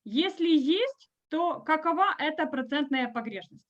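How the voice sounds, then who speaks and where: A woman's voice: high-pitched, animated, a little slow, dull audio. A woman with a Ukrainian accent formally moderating a conference session.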